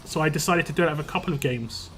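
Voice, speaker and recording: A young man with a West London accent chats casually while streaming a game, rambling fast with frequent restarts and fillers. His voice is on the high side and fairly bright. Soft music plays in the background.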